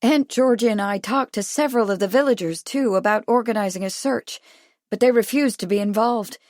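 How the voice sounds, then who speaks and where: A woman's voice: medium pitch, brisk, darkish tone, no room sound, clean studio sound, close to an everyday voice. A woman narrator voicing an anxious, determined young Victorian woman, speaking earnestly and urgently. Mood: bitter.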